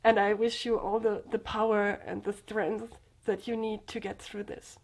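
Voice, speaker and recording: A woman's voice: mid-range voice, level tone, normal speed. A young woman vlogger speaking earnestly and emotionally to her viewers, sharing a personal story and addressing them directly. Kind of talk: personal confessional vlog.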